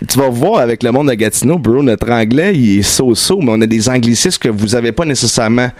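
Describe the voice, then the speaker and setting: A man's voice: medium pitch, expressive, brisk. A young man with a Quebec French accent, chatting in a radio interview, slangy and mixing in English words. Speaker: rapper guest. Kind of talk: casual radio interview chat. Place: radio studio.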